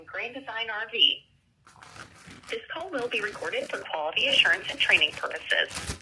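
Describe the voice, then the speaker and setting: A woman's recorded phone menu message, played over a phone line and read in a slow, carefully enunciated scripted prompt. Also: medium pitch, animated, bright, forceful tone, slight background noise. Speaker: automated phone line greeting.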